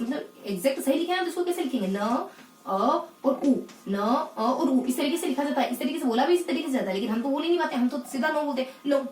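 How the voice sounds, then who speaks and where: A woman teaching English phonetics in a lesson, asking the class questions and answering them herself, and repeating key words slowly. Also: high voice, darkish tone, reverberant, distant mic. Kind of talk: explanatory lesson in Hindi.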